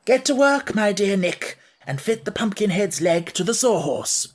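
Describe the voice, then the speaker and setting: A woman's voice: medium pitch, very animated, moderate pace, husky, voice pushed up. A woman voicing a proud, good-natured male scarecrow in a storybook reading.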